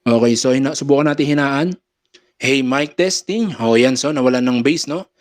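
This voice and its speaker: A man gives a casual step-by-step tutorial on mixer settings from a small home studio, pausing to say mic-check phrases into a condenser microphone. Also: mid-range voice, fairly even intonation, a little mellow. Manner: explains step by step, says mic-check phrases between adjustments. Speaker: audio gear seller and tutorial host. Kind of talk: casual how-to demonstration. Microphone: condenser microphone through a mixer.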